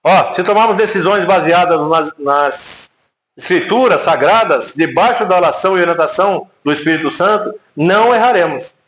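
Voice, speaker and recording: High-voiced Brazilian pastor preaching. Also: male voice, lively intonation, normal speed, a bit bright. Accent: Brazilian Portuguese. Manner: conversational, emphatic preaching with rhetorical questions. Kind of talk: sermon. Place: church sanctuary. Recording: echoey church hall.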